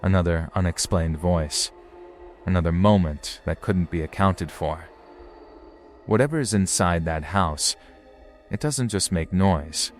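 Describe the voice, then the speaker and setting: A man giving a scripted, suspenseful narration in a deliberate, ominous storytelling manner. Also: deep voice, soft background music. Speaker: narrator of paranormal footage compilation.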